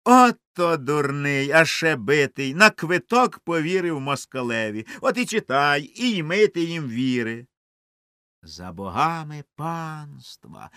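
A man giving a dramatic poetry recitation, declaiming with sweeping swings between hushed passages and loud, ringing lines. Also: fairly high pitch, dry recording, clean studio sound.

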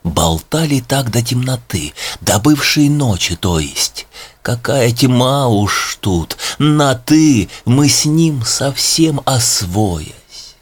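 A man giving a dramatic poetry recitation, measured, rhythmic and emphatic. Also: medium pitch, lively intonation, breathy edge.

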